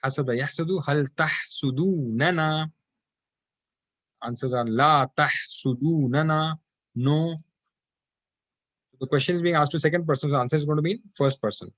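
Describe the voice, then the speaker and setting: Guy teaching a class, patient, repeats stuff slowly, slightly high voice, dry sound. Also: fairly bright tone, no echo. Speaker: Arabic teacher.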